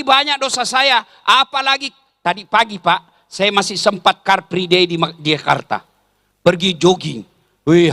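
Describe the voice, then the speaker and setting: A man's voice: sits high, sharp tone. A man preaching a humorous sermon to a large religious gathering, teasing the crowd and leading it in chanting. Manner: joking, teasing the audience. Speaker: Islamic preacher.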